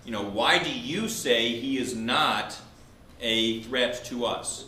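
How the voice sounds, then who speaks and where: Slow, pushed, and bright, a medium-pitched male voice argues a legal point as a law professor in a debate. He builds his explanation step by step and answers the questions he raises. The indoor room at the law school event lends a roomy echo, with faint noise in the background.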